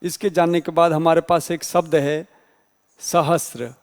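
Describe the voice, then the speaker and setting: A man's voice: on the high side, level tone, measured pace, long reverb tail. A male teacher giving an exam-prep grammar lecture, explaining patiently and spelling out letters one by one.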